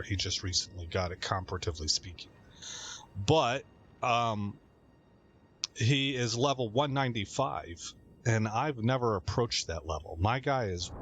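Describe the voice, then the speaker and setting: A man with a fairly low voice talks his way through a game run in a loose, rambling way, chatting to his viewers as he plays. He often breaks into laughter at his own stories. Faint game music sits behind his voice. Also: fairly bright tone. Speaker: gaming channel host. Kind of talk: casual game commentary.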